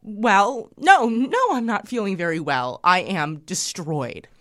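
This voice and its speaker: A woman's voice: medium pitch, very animated, slow, no room sound, studio quality. A woman playing a bitter, defeated political candidate in a comedic mock interview, sarcastic and melodramatic.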